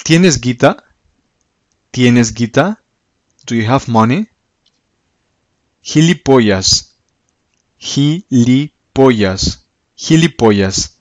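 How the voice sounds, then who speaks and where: Slow, deliberate man teaching words. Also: mid-range voice, animated, no echo. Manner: repeats each word slowly and clearly, then translates. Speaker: language teacher. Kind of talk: slow, careful vocabulary lesson.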